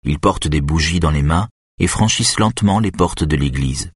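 A man narrating an audiobook in a steady, even reading. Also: a bass voice, normal speed, breathy edge, no room sound, studio quality.

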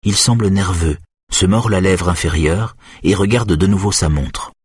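Brief: male audiobook narrator, deep and very husky voice, steady measured reading. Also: no echo. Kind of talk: scripted narration.

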